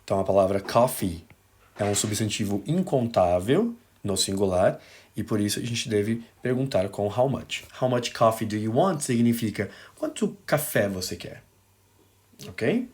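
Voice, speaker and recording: A man with a Brazilian Portuguese accent teaching an English lesson on video, explaining slowly with examples and often checking in with a quick "ok?". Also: on the low side, expressive, darkish tone.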